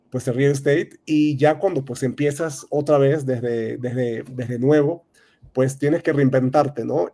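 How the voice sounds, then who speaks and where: A man in his thirties with a Venezuelan accent, a real estate advisor answering interview questions in a halting way, full of fillers and restarts. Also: medium pitch, dark tone. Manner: hesitant, many fillers and restarts. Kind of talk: casual interview talk.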